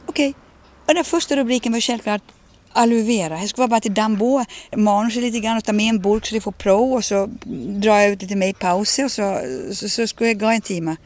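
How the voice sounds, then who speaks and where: A woman, telling personal stories in a radio conversation and acting out the dialogue she quotes. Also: medium pitch. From Ostrobothnia, Finland. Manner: animated, acts out quoted dialogue. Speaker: interviewee.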